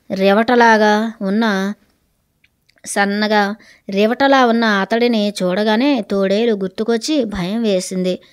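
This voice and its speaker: A woman's voice: a little high, smooth. Woman narrating an audiobook. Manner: steady, measured storytelling.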